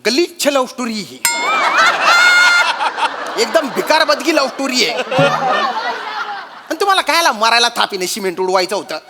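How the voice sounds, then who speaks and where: A man's voice: extremely high pitch, animated, moderate pace, long pauses, big-room sound, over a noisy crowd, heavy background noise. A man performing sketch comedy who exclaims, pleads and reacts with laughter. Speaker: stage comedian.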